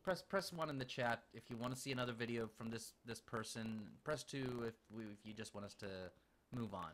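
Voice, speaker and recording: A man's voice: mid-range voice, fairly quick, a bit bright, slight background noise. A man hosting a casual livestream, blunt and crude, often repeating his words as he restarts sentences. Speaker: livestream host.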